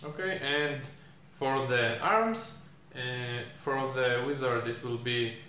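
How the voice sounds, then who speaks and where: A young man teaching programming while he codes, thinking aloud with many fillers and pauses, recorded in a small room. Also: medium pitch, pushed and bright. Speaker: programming tutor. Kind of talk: live coding explanation. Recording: echoey room, faint hiss.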